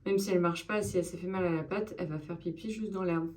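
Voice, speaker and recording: Casual vlogger, woman in her thirties, chatty and expressive, lowish voice. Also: fast, slight background noise. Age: 30s. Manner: chatty and expressive, with frequent fillers. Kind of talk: casual vlog chat.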